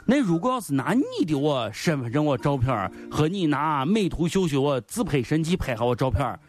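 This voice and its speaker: A man with a Shaanxi accent hosting a comic radio skit, excitable and repeating himself as he builds up. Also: fairly high pitch, brisk. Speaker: radio comedy show host. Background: faint music.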